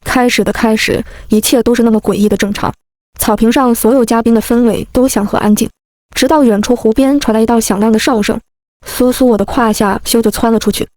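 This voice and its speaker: Lively woman telling a comic story. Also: on the high side, a little fast, no echo. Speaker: narrator. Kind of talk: first-person storytelling.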